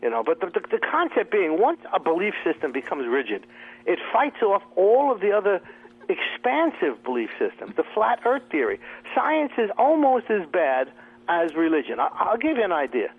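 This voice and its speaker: A man's voice: high voice, huge pitch swings, moderate pace, breathy edge. A man hosting a talk radio show, riffing sarcastically in a comic monologue and laughing at his own jokes. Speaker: radio host. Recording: tinny phone-like radio audio.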